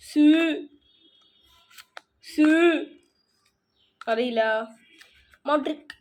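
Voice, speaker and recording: Chatty woman reading card names. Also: sits high. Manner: chatty, reads names off cards one by one. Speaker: vlogger showing her card collection. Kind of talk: casual show-and-tell vlog.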